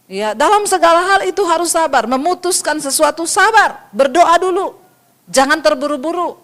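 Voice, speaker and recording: A woman pastor giving a sermon in a lively storytelling manner, often turning to her listeners directly. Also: high-pitched, moderate pace.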